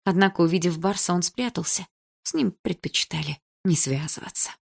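A woman with a fairly low voice narrates a first-person novel. She reads in an even, measured way, keeping the story moving steadily. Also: vocal fry, breathy edge. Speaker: audiobook narrator.

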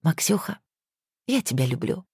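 A woman voicing a lively, witty wife who is an editor, with playful exclamations. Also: low-pitched, normal speed, slightly rough, no room sound, studio quality, exaggerated voice.

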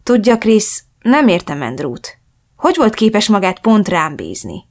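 A woman voicing a wary, bitter young man in an audiobook, speaking softly and subdued. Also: medium pitch, sing-song.

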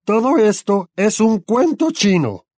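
A man voicing a blustering middle-aged uncle who shouts and drags out his words in an audiobook. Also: sits high, very animated, no room sound, clean studio sound, voice pushed up, heavily acted. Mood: bellowing angry. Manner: shouting, drawn-out and overbearing. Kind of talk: audiobook character voice.

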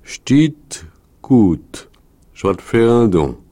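A man voicing a gruff, uncanny wolf leader who speaks in rough rural dialect, in a read-aloud story. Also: medium pitch, big pitch swings, extremely slow, mellow, pitched above the performer's own voice, heavily acted. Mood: coaxing. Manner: rough peasant dialect, raised voice.

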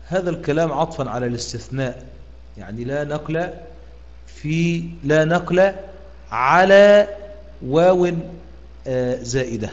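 A man with an Egyptian accent teaches the rules of Quran recitation, his voice a touch higher than most. He keeps asking his listeners "what?" and slowly stretches out the sample words he recites. The audio is dull and lo-fi, with a long, hall-like reverb trailing each phrase. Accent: Egyptian Arabic. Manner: questioning, pausing with "what?" for students to answer; drawn-out demonstrative recitation of words. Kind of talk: explaining Quran reading rules to students.

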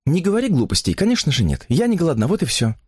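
A man voicing a nervous, uneasy young woman in an audiobook, speaking softly and tensely. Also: fairly high pitch, wildly swooping pitch, quick pace, husky, pitched above the performer's own voice, heavily acted.

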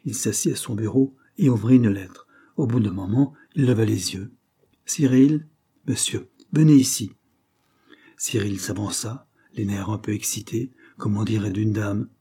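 A man narrating a classic novel as an audiobook, steady and measured. His voice is low, mellow and somewhat husky. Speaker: audiobook reader. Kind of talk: scripted narration.

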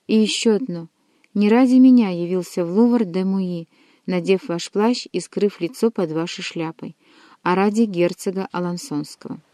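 A woman's voice: fairly low pitch, normal speed, dark tone, no room sound, close to an everyday voice. A woman voicing a young queen who teases and reproaches her lover. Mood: reproachful. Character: young queen, teasing and commanding.

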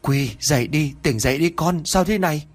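Guy doing a fretful old granny voice, higher and worried, ghost story reading. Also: moderate pace, lightly acted. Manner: anxious, calling out. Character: worried old grandmother, mother of many.

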